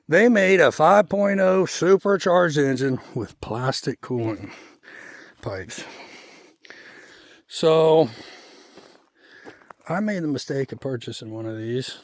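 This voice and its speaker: A man's voice: medium pitch, no echo. A man, talking casually and bluntly as he walks his homestead, a little out of breath. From Kentucky. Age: 40s. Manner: rambling, folksy, blunt. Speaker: homesteading vlogger. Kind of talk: casual vlog monologue while walking. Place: outdoors on a homestead.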